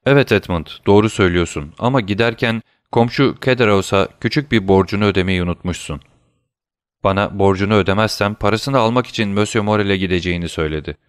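A man reading aloud as a frail, poor old father, soft and reassuring to his son. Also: on the low side, fast talker, smooth, no room sound, studio quality, close to an everyday voice. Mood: gentle.

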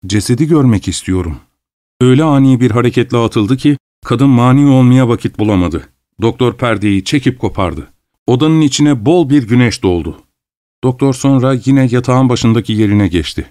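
A man narrating a story in a measured, unhurried way. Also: medium pitch, dark tone, no room sound, clean studio sound. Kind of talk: audiobook narration.

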